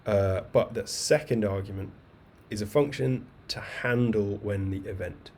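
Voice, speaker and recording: A man teaching a live online coding class, explaining step by step in a relaxed, chatty way with asides and fillers. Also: fairly low pitch, unhurried. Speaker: coding bootcamp instructor. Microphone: webcam video call mic. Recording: faint background noise.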